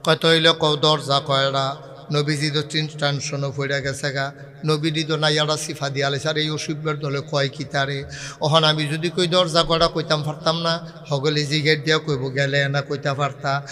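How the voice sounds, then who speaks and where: A man preaching a waz sermon in a bright, forceful voice. He tells the story animatedly, jumps into voices for others and climbs to sudden high shouts. A long reverb trails every phrase. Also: flat delivery, normal speed.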